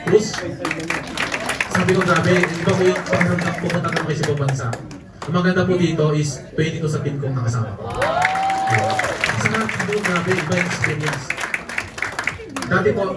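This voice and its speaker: Brisk and high-voiced, a network marketing speaker pauses often while telling jokey travel stories to a live audience, laughing along the way. Loud music plays behind him and a loud crowd fills the echoey event hall, captured by a distant mic.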